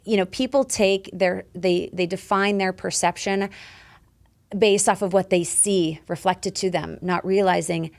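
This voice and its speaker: A woman in her forties, a lifestyle coach guesting on a podcast, talking in an emphatic, animated way and swearing freely. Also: lowish voice, unhurried. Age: 40s. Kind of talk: casual conversational interview.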